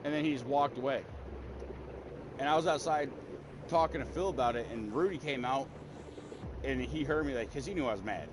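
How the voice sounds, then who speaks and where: A man's voice: mid-range voice, a little fast, pauses often. A man streaming a game, angrily retelling a fight at work in casual, profane chat. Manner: profane, heated, animated retelling. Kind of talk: casual venting story. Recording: steady background noise.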